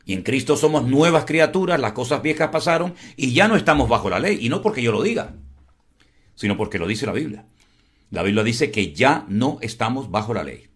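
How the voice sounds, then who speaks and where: A man's voice: medium pitch, big pitch swings, brisk, breathy edge. A man, preaching as a pastor in a blunt, emphatic way, often repeating his phrases. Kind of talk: preaching commentary.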